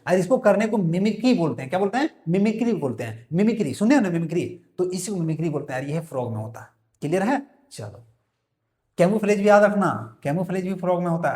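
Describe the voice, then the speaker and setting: A man's voice: high voice, darkish tone. A male biology teacher, working through exam questions in a quizzing way, repeating each question and answering it himself. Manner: quizzing, repeats his own questions and answers them, calls students "बालक". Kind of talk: exam-prep lecture, solving multiple-choice questions aloud. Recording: echoey room.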